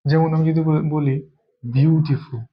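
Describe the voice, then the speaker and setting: A man from Bengal gives a classroom grammar lesson at a middle pitch, working through each point slowly and repeating key words to drive them home. The sound is slightly dull and lo-fi. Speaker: English teacher.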